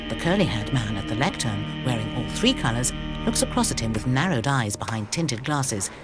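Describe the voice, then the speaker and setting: A man's voice: medium pitch, expressive, normal speed, loud music behind the voice. A man reading scripted audio description in a neutral, factual way.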